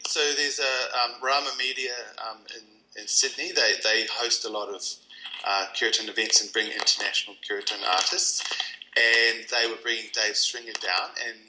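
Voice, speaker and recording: A man's voice: medium pitch, fairly even intonation, normal speed, sharp tone, slight background noise, rough recording. A man from New Zealand with a New Zealand accent, answering interview questions thoughtfully, with many ums and restarts. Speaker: kirtan teacher.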